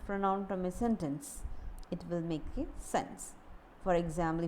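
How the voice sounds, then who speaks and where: A woman teaching a grammar lesson, explaining slowly and repeating key words. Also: lowish voice, a little mellow, slight background noise, rough recording. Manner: deliberate, repeats key words, occasional restarts.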